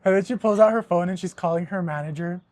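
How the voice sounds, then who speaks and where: A young man hosting a podcast, telling a story in casual chat, animated and swearing often, with laughs mixed in. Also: high-pitched, quick pace, no echo. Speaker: podcast host.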